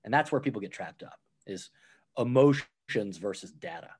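As a guest on a conversational podcast, a man discusses his book on restaurant management, walking through worked examples step by step and acting out quoted replies. His lowish, slightly rough voice has a darkish tone, expressive delivery, and a moderate pace.

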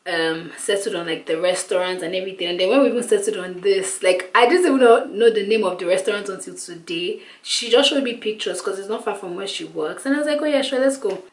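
A woman's voice: medium pitch, quick pace, few pauses, reverberant. A young woman vlogging casually at home, rambling and chatty with lots of "like". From Nigeria. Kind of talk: casual vlog talk to camera. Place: at home, indoors.

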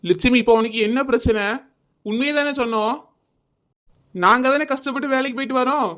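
A man's voice: extremely high pitch, a little fast, fairly bright tone. A man voicing a scolding, complaining middle-aged village husband in a cartoon comedy, with a Kanyakumari Tamil accent.

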